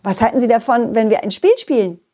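A woman's voice: a little high, lively intonation, fairly quick, dark tone. A woman telling a children's story in a playful, coaxing way.

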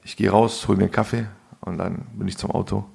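A man telling a story casually on a podcast in heavy street slang, animated and full of asides. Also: deep voice, fast talker, gravelly, husky. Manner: slangy, animated storyteller, says "Alter" a lot. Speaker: podcast co-host.

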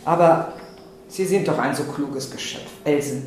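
A patronising older gentleman, smooth and slow, drawing out his words with condescension, as a woman reading aloud puts him on. The voice rings out in a very echoey room, with a faint ambient hum behind it. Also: deep voice. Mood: condescending. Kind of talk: literary reading.

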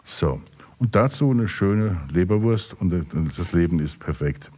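Male co-host, lowish voice, dry self-mocking wit, relaxed chat. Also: measured pace. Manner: dry, self-ironic humor. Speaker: podcast co-host. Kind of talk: casual chat.

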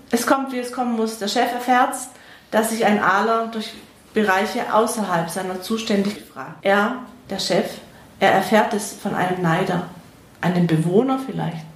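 A woman on a podcast speaking in a measured, matter-of-fact way. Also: mid-range voice. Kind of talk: conversational podcast talk, reading a scenario. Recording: echoey room.

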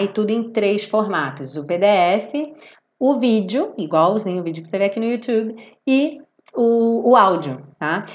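A Brazilian English teacher runs a live online class built around music, chatting informally with viewers in an expressive, affectionate way. Her medium-pitched voice is a little hoarse from a cold.

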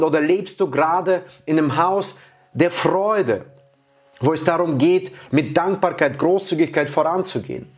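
A man giving a motivational talk as a life coach, asking rhetorical questions and repeating key phrases. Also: high-pitched.

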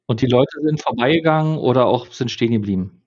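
A man interviewing a guest, summarizing his answers and probing with measured questions. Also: medium pitch, darkish tone, husky, highs cut off.

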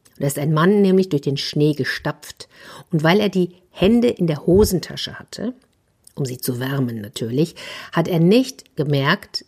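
Woman reading a kids' tale, low husky voice, soft and half-whispered. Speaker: storyteller for children. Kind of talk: telling a children's story.

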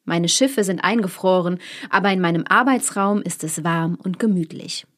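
A woman's voice: on the low side, moderate pace, lightly acted. Storybook: a woman doing a bragging, open-handed merchant man wrapped in fur. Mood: boastful. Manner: boastful, generous. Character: boastful male merchant January in bear fur.

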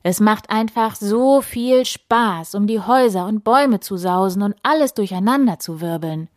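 The wind as a boisterous male giant who loves to rush about, voiced by a woman reading a story. He booms out his words and sounds honestly sorry. The sound is dry. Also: normal speed, no room sound, lightly acted. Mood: apologetic. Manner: booming and apologetic. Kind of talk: bedtime story voice.

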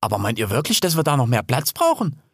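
A man's voice: mid-range voice, wildly swooping pitch, fast, husky, dry recording, clean studio sound, heavily acted. A man voicing a young female wild sow in a storybook reading, chatty and teasing.

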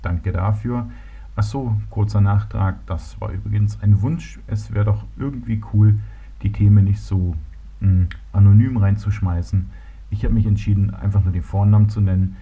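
A man's voice: on the low side, normal speed, slightly rough. A man from Berlin hosting his own podcast, talking casually and hesitantly with lots of fillers. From Berlin, Germany. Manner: relaxed, hesitant with many fillers and restarts. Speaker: podcast host. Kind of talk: casual solo podcast talk. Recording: tinny phone-like sound.

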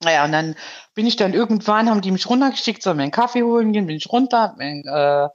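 A woman's voice: mid-range voice, lively intonation, rapid-fire, lo-fi sound. A woman in her fifties calling in, telling a personal story in casual chat with many hesitations. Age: 50s. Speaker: caller.

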